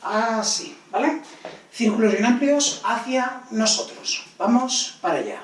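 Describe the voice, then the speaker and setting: A man's voice: high-pitched, big pitch swings. Man counting reps in a very echoey room. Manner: counts repetitions aloud and gives brisk encouraging cues. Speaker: fitness instructor. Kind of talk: guided exercise class. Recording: very echoey room, voice distant from mic.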